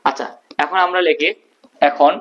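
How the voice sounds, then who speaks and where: A man's voice: a little high, fairly even intonation, moderate pace, fairly bright tone. A male teacher explaining a physics proof at a board, asking questions and answering them himself. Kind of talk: physics lesson at a whiteboard. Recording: dull lo-fi recording.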